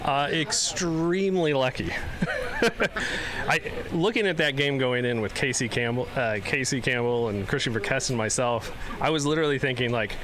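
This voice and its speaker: A man speaking as an athlete in a casual, halting post-game interview outdoors. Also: mid-range voice, crowd noise. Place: outdoors at a sports event.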